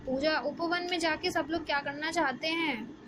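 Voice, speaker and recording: A woman, teaching a Hindi lesson to young children and asking the class questions as she explains slowly. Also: high voice. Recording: background noise.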